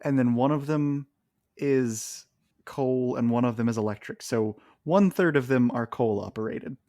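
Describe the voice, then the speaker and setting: A man's voice: mid-range voice, normal speed, mellow, no room sound. Dry-voiced man in casual podcast chat. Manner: chatty, laughs between points while arguing. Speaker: podcast co-host.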